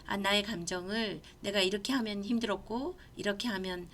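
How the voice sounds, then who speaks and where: A woman's voice: mid-range voice, brisk, a bit bright, a little hiss or hum. A middle-aged woman with a Gangwon accent, giving a college lecture in an earnest, conversational way and sharing personal stories. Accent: Gangwon Korean. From Gangneung, Korea. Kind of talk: online class lecture.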